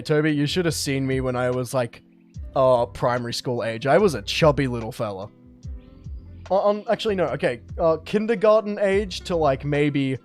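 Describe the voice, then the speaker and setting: A man's voice: a little high, darkish tone. A young man hosting a live stream, chatting casually and reflectively, often stumbling and restarting his sentences. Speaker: livestream host. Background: lo-fi music.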